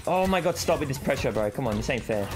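A man hosting a gaming video, giving live commentary on a fighting-game match with excitable yells, groans and laughs. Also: mid-range voice, fast talker. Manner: excitable, yelling reactions and groans. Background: game music.

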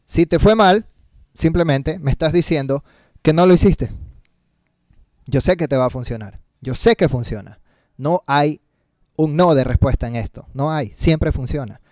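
A man's voice: medium pitch, moderate pace, darkish tone, no echo, studio quality. A man teaching English in Spanish, chatty and encouraging, slipping English words into his talk. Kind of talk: casual online lesson.

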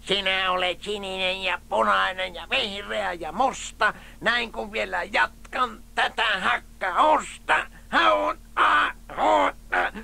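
A rowdy clown puppet in a storybook cassette, all high, raspy squawks and exuberant shouting. The voice is bright and swoops up and down. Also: male voice, heavily acted. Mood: gleeful. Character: rowdy male stage puppet, boisterous clown.

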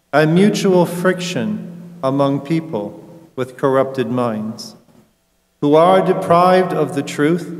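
A middle-aged man, a priest, reading scripture aloud in a slow, measured, solemn way at a lectern in a large church. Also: a little high, a little mellow. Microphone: lectern microphone. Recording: long church reverb.

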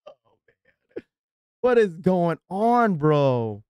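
Guy ranting on his live stream, smooth clean voice, dry close sound, keeps shouting out subs. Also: high-pitched, dry recording. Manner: ranting, exasperated, shouts out subscribers. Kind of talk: live stream reacting and chatting with viewers.

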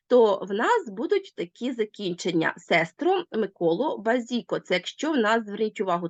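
Woman teacher, grammar lesson, animated pitch, dull lo-fi recording. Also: dry recording. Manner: lively, emphatic explaining.

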